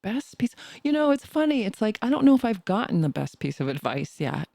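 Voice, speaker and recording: A woman's voice: medium pitch, big pitch swings, a little fast, gravelly, warm tone, no room sound, studio quality. A woman in her sixties co-hosting a podcast, chatting casually and teasing playfully. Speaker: podcast co-host. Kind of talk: casual chat.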